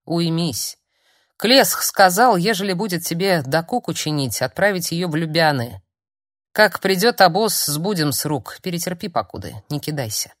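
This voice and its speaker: Blunt gruff warrior man, reproachful, steady, read by a woman, audiobook. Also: fairly low pitch, moderate pace, dry recording, studio quality, close to an everyday voice.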